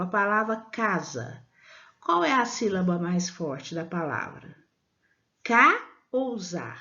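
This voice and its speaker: A woman teaching a lesson to young children at a very slow, careful pace. She stretches out the words she uses as examples, and her voice sits at a middle pitch. The recording sounds dull and lo-fi. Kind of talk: slow classroom explanation for children.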